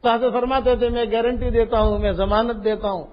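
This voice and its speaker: An older man giving an impassioned Urdu-language sermon, telling a story and acting out its speakers, sometimes shouting. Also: extremely high pitch, steady tone. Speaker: Islamic preacher. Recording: dull lo-fi archival sermon recording.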